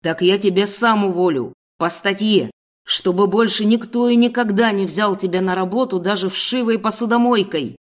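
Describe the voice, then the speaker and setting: A woman voicing a furious, bullying middle-aged male boss who shouts and hurls crude insults. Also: mid-range voice, moderate pace, close to an everyday voice. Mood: raging. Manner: shouting, snarling, hurling insults.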